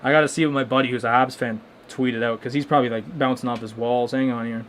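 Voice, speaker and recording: A young man hosting a live hockey watchalong, reacting casually and excitedly with lots of restarts and stunned exclamations. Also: medium pitch, quick pace, slight background noise. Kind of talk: casual live game commentary.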